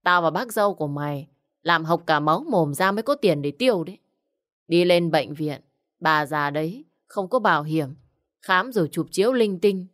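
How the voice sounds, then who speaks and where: A woman's voice: fairly low pitch, animated, moderate pace, a bit bright. A woman voicing a rude, stingy middle-aged village man who scolds curtly. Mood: scolding. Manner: scornful, scolding, curt.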